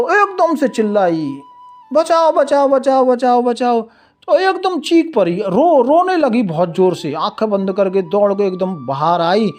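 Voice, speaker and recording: Slow, high-voiced male devotional storyteller. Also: dark tone. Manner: addresses devotees, slow and deliberate.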